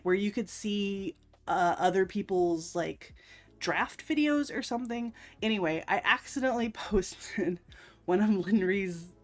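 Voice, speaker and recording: A woman hosting a casual craft livestream, chatting and laughing often. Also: medium pitch. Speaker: livestream host. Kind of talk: casual chat while crafting.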